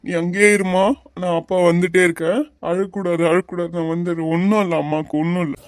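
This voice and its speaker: A woman voicing a worried, gentle middle-aged father soothing his daughter in a cartoon series. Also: fairly low pitch, level tone, fast, no room sound, close to an everyday voice.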